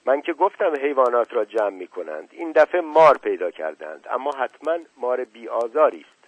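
A man's voice: mid-range voice, sing-song, husky, dry recording. A man voicing an anxious wife who pleads and soothes in an audiobook, recorded with a tinny sound. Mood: pleading. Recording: tinny, dry, phone-like sound.

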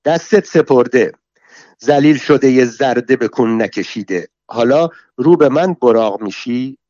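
A foul-mouthed, quarrelsome middle-aged woman, put on by a male reader, scolding and hurling insults in a loud, fierce voice. The recording is dull and lo-fi, in a dry room with no echo. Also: medium pitch, natural voice. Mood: shouting. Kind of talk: dramatic story reading.

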